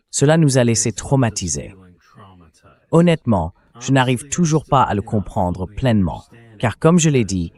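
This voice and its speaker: A man in his thirties speaking in a measured, earnest way as a community vice-president in a dubbed interview voice-over. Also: lowish voice, a little mellow. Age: 30s.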